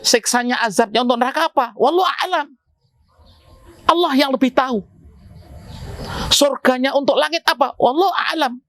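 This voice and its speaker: A male preacher giving a storytelling sermon to a congregation, with wide swings in pitch for emphasis. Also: fairly bright tone.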